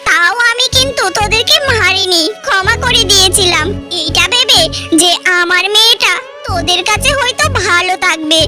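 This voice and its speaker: A woman voicing the stern, vengeful ghost of a mother in a cartoon. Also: extremely high pitch. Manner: menacing, accusing speech. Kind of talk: dubbed cartoon acting. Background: loud background music.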